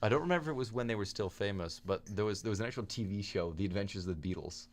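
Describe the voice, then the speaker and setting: Young man, podcast co-host, casual chat, low voice, opinionated. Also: very fast, slight background noise. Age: young adult. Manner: opinionated, talks in long stretches.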